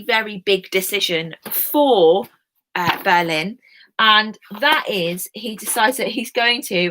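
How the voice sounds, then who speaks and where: This young woman teaches history in a loose, chatty way, breaking off into asides and filling gaps with ums. Her voice is bright and forward. She sounds relaxed and informal. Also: mid-range voice. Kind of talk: casual recorded history lesson.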